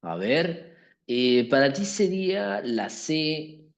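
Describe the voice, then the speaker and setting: A man's voice: fairly high pitch, very animated, takes it slowly, creaky. A man teaching a class, explaining an exercise step by step and often checking that students follow. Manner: keeps checking understanding with tag questions.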